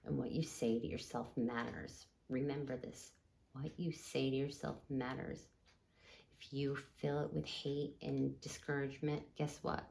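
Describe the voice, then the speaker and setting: A woman's voice: low voice, creaky, warm tone. A young adult woman hosting a podcast, giving an earnest, encouraging monologue that rambles with frequent restarts. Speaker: podcast host. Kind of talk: casual motivational monologue.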